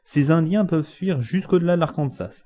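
Guy doing a stiff army captain, dark low voice, kinda muffled. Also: brisk, close to an everyday voice. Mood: stern. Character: stern male army captain commanding a fort. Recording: dull lo-fi recording.

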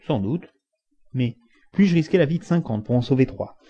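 A man's voice: medium pitch, animated, moderate pace, warm tone, pitched above the performer's own voice, lightly acted. A man reading the part of a stern, dutiful army captain. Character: stern male army captain commanding a fort. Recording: dull lo-fi recording.

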